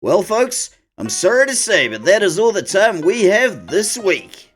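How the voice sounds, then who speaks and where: The wrestling show's host and commentator, a man with a high-pitched, very animated, slightly bright voice with a breathy edge, calls the play-by-play at a moderate pace. His commentary is sardonic and opinionated, laced with mock-grumpy asides, over background music.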